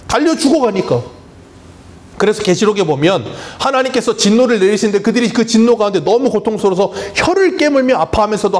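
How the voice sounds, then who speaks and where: A man preaching a Sunday sermon as pastor, emphatic and full of rhetorical questions to the congregation. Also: high-pitched. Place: church sanctuary.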